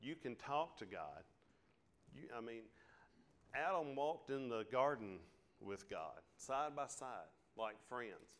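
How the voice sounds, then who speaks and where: A man's voice: medium pitch, very animated, takes it slowly, fairly bright tone. A man preaching a sermon in a Southern American country drawl, in a folksy, down-home way. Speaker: pastor.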